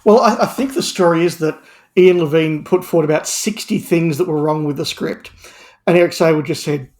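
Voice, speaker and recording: A podcast guest in an animated, opinionated panel discussion drives his points home by repeating words and phrases. His voice is a little high and darkish, and he talks a bit fast.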